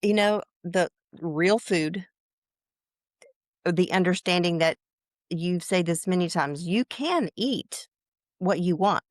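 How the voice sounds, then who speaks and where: Lady in her sixties chatting in an interview, keeps restarting, low voice, dry sound. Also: no echo. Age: 60s. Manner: halting, many fillers and restarts. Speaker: client interviewee. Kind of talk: casual interview.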